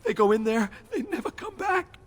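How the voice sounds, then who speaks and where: A woman's voice: fairly high pitch, sing-song, normal speed. A woman voicing a frightened elf woman in a video game, nervous and pleading. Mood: fearful.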